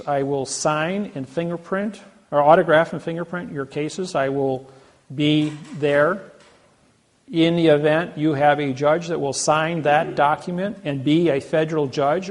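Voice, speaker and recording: An older man giving a seminar talk, telling boastful stories with many restarts and false starts. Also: on the high side. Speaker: seminar speaker. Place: seminar room.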